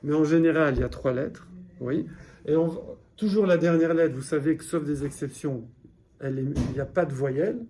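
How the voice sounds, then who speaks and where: A man's voice: a little high, moderate pace, mellow. A man teaching a classroom lesson, patiently explaining step by step and quizzing his students. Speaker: Hebrew teacher.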